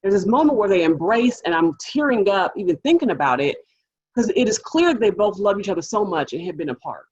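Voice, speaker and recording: A woman public defender telling a courtroom story to a panel audience, lively and animated, acting out the people she quotes. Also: mid-range voice, a little fast, husky, dull audio.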